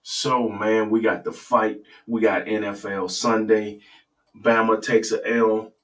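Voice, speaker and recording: Male host, low early-morning radio voice, relaxed live sports chat, sits a bit off the mic. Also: slow pace, recorded from a distance, rough recording. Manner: relaxed, talks straight to viewers, asks for comments. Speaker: sports talk show host.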